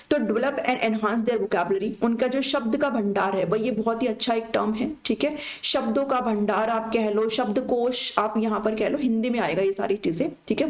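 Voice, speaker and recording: A woman's voice: on the high side, darkish tone, echoey room. A woman giving an exam-prep lecture, explaining points in Hindi and reading out English phrases, often checking in with her listeners. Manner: explains in Hindi with read-out English lines, frequent "ठीक है" check-ins. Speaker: teacher.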